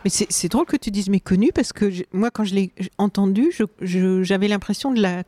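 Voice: mid-range voice, fairly quick, warm tone, no room sound. An interviewer asking casual questions, with lots of encouraging affirmations. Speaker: interviewer, host.

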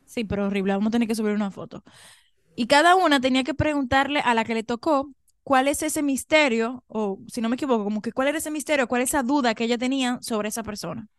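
Woman recapping reality tv gossip, kinda high voice, dead dry mic. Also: quick pace, dry recording. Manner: enthusiastic, emphatic recapper. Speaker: podcast co-host. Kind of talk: casual gossip chat.

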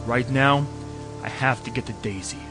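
Sardonic hard-boiled detective, played by a man, weary noir narration, even mid pitch, music bed. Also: moderate pace, lightly acted. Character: wisecracking hard-boiled male private detective.

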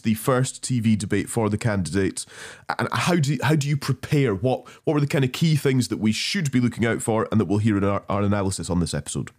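A man's voice: medium pitch, a little mellow. A man hosting a podcast, introducing the show and putting questions to guests. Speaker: podcast host.

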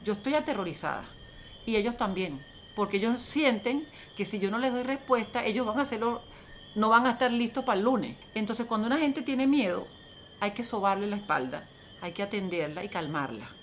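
An older woman with a Venezuelan accent, telling stories as a guest in an interview, lively and acting out the voices of others. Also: medium pitch, fairly quick, a little hiss or hum. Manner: lively, acts out quoted voices, talks to the host by name. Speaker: interview guest, film producer. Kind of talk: animated storytelling interview.

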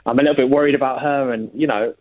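A man's voice: medium pitch, steady tone, very fast. A young man telling a long story in casual chat, rambling with lots of fillers. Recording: tinny phone-like sound.

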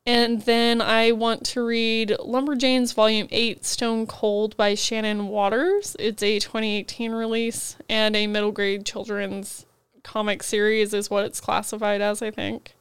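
A woman talks casually through her reading list on a book podcast. She is fighting a cold, but her voice still comes through smooth and clear. The sound is close and dry, with no room echo. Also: medium pitch, level tone, unhurried. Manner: chatty, rambling book rundowns with frequent "like". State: has a cold, head foggy.

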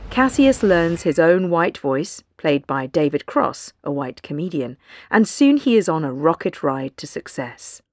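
Low-voiced woman reading a news essay. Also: big pitch swings, a little slow, a little mellow, no echo. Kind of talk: scripted narration.

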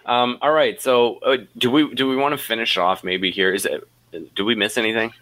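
A man hosting a casual sports podcast, animated and wry, freely critical as he talks. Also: medium pitch, brisk, rough recording. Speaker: podcast host.

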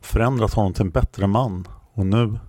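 A man reading a fantasy novel aloud in a measured, somber narrating voice. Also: on the low side, a little mellow, dry recording, clean studio sound. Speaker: audiobook narrator. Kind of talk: scripted narration.

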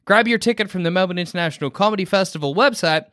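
A man's voice: high-pitched, rapid-fire, fairly bright tone, dry recording, studio quality. A man putting on a campy drag-queen announcer with a theatrical drawl. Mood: camp, grandiose.

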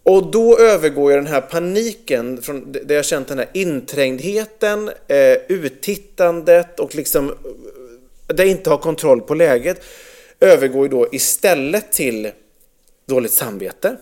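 A man in his thirties telling a personal story in casual chat, animated, swearing freely and full of fillers. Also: fairly high pitch.

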